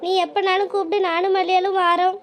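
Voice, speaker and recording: A woman's voice: very high voice, little pitch movement. A woman doing a bossy, caring village auntie. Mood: concerned. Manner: brisk, consoling, calls out loudly. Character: caring, scolding middle-aged village woman Ruku.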